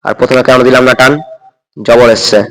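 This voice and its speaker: A man's voice: mid-range voice, level tone, in a large hall, low-quality recording. A man teaching Quran reading, spelling out letters and vowel marks one by one and checking with the learner again and again. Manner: spells out Arabic letters and vowel marks slowly, then drawn-out recitation; patient, checks understanding with repeated "okay?".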